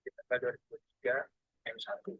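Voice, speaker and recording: A man talking through the steps of a software tutorial, explaining loosely in broken fragments. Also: moderate pace, no echo, narrow, tinny audio. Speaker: student presenter.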